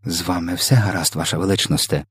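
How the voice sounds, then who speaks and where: A man's voice: low voice, fairly even intonation, fast talker, slightly rough, no room sound, studio quality. A man voicing a flustered royal maid. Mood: worried. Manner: scolding, then anxious.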